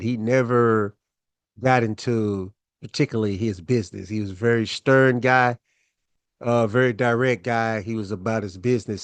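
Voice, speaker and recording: A man's voice: mid-range voice, no room sound. A man hosting his own show, telling a personal story in a laid-back, chatty way with lots of fillers.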